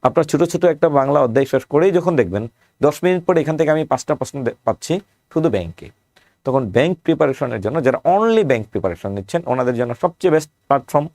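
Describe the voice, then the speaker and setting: A man with a Bangladeshi Bengali accent gives an exam-prep lecture at a brisk clip. He runs through past questions and poses rhetorical questions along the way. The recording is dry and close, with little room sound. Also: mid-range voice, big pitch swings, a little mellow, no room sound. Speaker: teacher.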